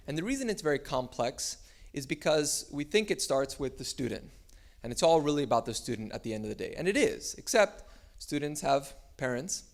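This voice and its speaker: Man giving a loose, conversational talk. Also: mid-range voice. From Miami, United States. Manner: relaxed, loose delivery with frequent "uh" and restarts. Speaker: startup founder giving a talk. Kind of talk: conference talk.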